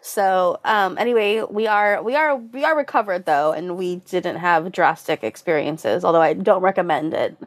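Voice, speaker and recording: A woman's voice: fairly low pitch, expressive, normal speed, few pauses, no room sound. A woman co-hosting a podcast in casual chat, congested, chatty and laughing often between her filler words. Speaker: podcast co-host.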